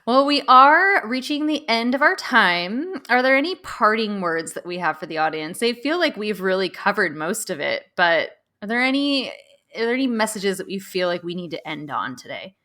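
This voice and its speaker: A woman's voice: medium pitch, sing-song, moderate pace, sharp tone. A woman co-hosting a podcast in casual chat, playful and laughing often as she talks things through. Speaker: podcast co-host.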